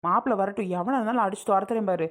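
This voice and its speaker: A woman's voice: mid-range voice, rapid-fire, natural voice. A woman playing a stubborn young woman who argues back and refuses to marry. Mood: defiant. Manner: defiant, arguing back. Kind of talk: family skit acting.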